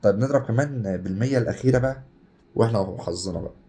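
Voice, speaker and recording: Fast-talking Egyptian man, gaming commentary. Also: lowish voice. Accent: Egyptian Arabic. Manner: excitable, chatty, swings between hype and groans. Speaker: gaming YouTuber. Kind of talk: casual gameplay commentary.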